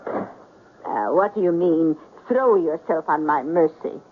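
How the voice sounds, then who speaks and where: An older woman with a low, lively voice speaks slowly, playing a kindly, trusting little old lady who fusses hospitably in a 1970s radio drama. She sounds warm, motherly and chatty, on a noisy, narrow-band recording of the era.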